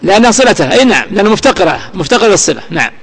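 A man's voice: sits high, sing-song, racing, creaky, slightly rough. A man teaching grammar, quizzing his students and prompting them for answers. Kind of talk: question-and-answer grammar lesson. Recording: long reverb of a large room.

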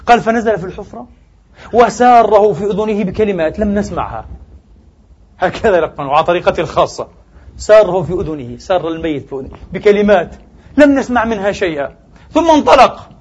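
Preaching a Friday sermon to his brothers and sisters, this man swings his voice emphatically up and down in sharp rises and falls. His voice sits high and sounds husky, expressive, and fast. The audio is dull.

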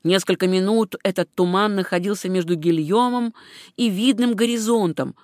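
An audiobook narrator reading a historical adventure in a steady, measured way. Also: medium pitch, no room sound, clean studio sound. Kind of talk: scripted narration.

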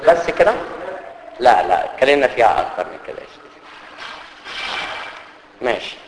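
A man's voice: mid-range voice, sing-song, normal speed. A man with an Egyptian Arabic accent teaching an internal audit course, joking with students and mixing English terms into his Arabic. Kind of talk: lively classroom lecture. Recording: echoey hall with faint ambience.

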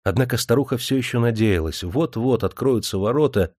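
A man narrating an audiobook in an even, mid-pitched voice with steady storytelling. The recording is dry and close, with no room sound. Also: brisk, dry recording.

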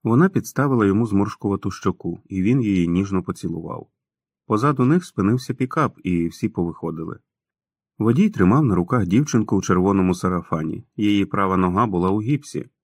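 A man narrating an audiobook in a calm, even storytelling manner. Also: on the low side, fast, no room sound, clean studio sound. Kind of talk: scripted narration.

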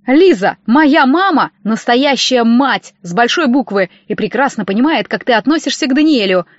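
A woman's voice: a little high, expressive, moderate pace, no room sound, muffled recording, close to an everyday voice. Woman reading as a sanctimonious young husband. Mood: indignant. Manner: indignant, loud and sanctimonious. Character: smug estranged husband, young man, self-righteous.

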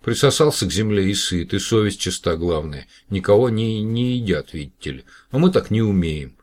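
A man doing an excitable young woman. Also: lowish voice, moderate pace, voice pushed up, lightly acted. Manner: lively and exclaiming. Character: young woman computer operator, emotional.

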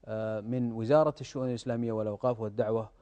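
A man's voice: fairly low pitch, fairly even intonation, rapid-fire, dark tone, no room sound. A man hosting a programme, introducing it in formal Standard Arabic with religious phrasing. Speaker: programme host.

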